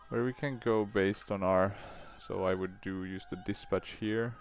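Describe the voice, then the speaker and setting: A man's voice: fairly low pitch, steady tone, unhurried, faint music behind. A man giving casual gameplay commentary on a flight simulator, thinking aloud in short phrases.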